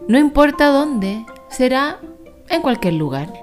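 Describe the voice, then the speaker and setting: A woman's voice: sits high, big pitch swings, slow pace, faint music behind, voice pushed up, heavily acted. A woman voicing a restless, fed-up father bat in a storybook reading, talking in an exasperated, insistent way. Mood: eager.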